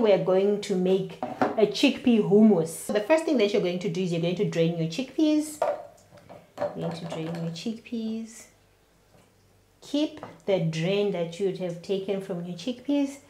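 Slow, measured woman hosting a cooking show. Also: medium pitch, reverberant. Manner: slow, steady instructional delivery. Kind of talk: cooking demonstration to camera. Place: home kitchen, indoors.

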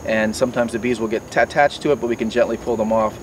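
A man's voice: on the low side, steady tone, fast talker. A middle-aged man in a garden, explaining beekeeping tools step by step with many fillers and restarts. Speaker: beekeeping mentor. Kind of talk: outdoor demonstration. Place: outdoors by garden foliage. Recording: distant mic, outdoor noise.

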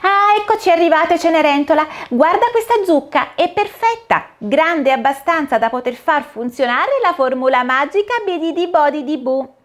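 A woman's voice: high voice, expressive, moderate pace, hardly any pauses, voice pushed up. A woman voicing a bustling, cheerful fairy godmother who urges everyone on in a sing-song voice. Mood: bubbly, urgent. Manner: sing-song, urging and exclaiming.

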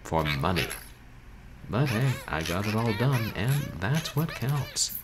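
Broadcasting on a noisy home webcam stream from a small bedroom, a video game streamer in his thirties speaks slowly in a lowish voice with big pitch swings. As host, he chats casually with viewers, wordy, wry and self-deprecating.

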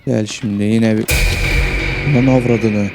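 A man's voice: lowish voice, steady tone, takes it slowly, over loud music. Crude, jumpy man playing horror games. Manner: crude, swears constantly, jumpy reactive banter. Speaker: horror game streamer. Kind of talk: casual gameplay commentary.

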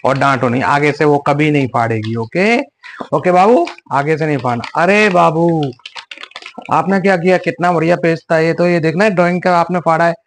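A man's voice: on the high side, normal speed, a little hiss or hum. A man hosting a kids' coloring lesson, talking in a soothing, coaxing, sing-song way to children. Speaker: children's drawing channel host. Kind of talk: acted skit and coloring lesson for kids.

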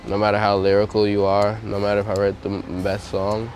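A man's voice: fairly low pitch, completely flat delivery, fairly quick, darkish tone. A young man from Long Island talking casually about his past as a rapper, in loose, slangy speech. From Long Island, USA. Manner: laid-back, loose slangy speech with many fillers. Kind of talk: casual interview talk. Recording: music bed behind the voice.

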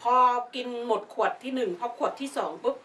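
Older woman, high-pitched, animated testimonial storyteller, recorded from a distance. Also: fairly quick. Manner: lively storyteller who acts out the voices of people in her story. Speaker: customer giving a testimonial. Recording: distant mic with faint background noise.

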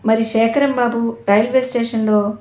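A woman voicing an elderly male household servant who speaks in a gentle, respectful and amused way. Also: fairly high pitch, level tone, moderate pace, close to an everyday voice. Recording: roomy echo.

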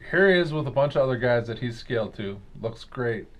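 A man's voice: medium pitch, animated, brisk, fairly bright tone, muffled recording. A man co-hosting a toy review, chiming in with dry, teasing remarks. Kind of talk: casual chat.

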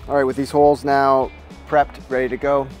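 Calm man explaining boat repair. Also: medium pitch, a little fast, faint music behind. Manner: calm, practical, explains each step. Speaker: boat restorer. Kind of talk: how-to narration while working. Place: boat shed with timber frame, indoors.

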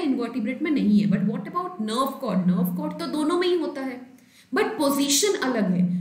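A woman's voice: high-pitched, reverberant. A woman teaching biology in a live online class. She explains step by step while she draws, often checks in with her students and greets viewers from the live chat. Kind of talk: live online lesson in Hindi-English mix.

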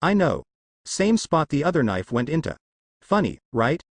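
A man's voice: fairly high pitch, very animated, moderate pace, dry recording. A man voicing a dry, sarcastic young woman warrior in a storybook reading. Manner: dry and cutting.

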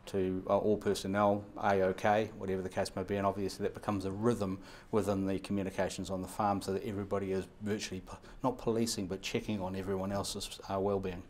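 A radio equipment supplier in his fifties with a New Zealand accent has a low, level, slightly mellow voice. Slight background noise accompanies this lapel-mic interview in an indoor showroom, where he talks quickly in run-on answers loaded with fillers and restarts.

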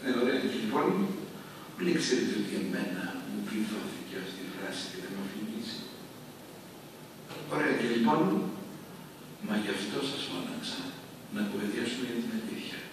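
An older man giving a church lecture, telling a story in a lively way and acting out the dialogue. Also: lowish voice, long pauses. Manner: lively anecdote with acted-out dialogue. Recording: echoey hall, far from mic, background noise.

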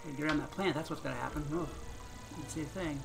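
A man's voice: fairly high pitch, rapid-fire, creaky, over music. A man giving casual, chatty commentary on his own gameplay, thinking aloud and chuckling often as he plays. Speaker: gaming channel host.

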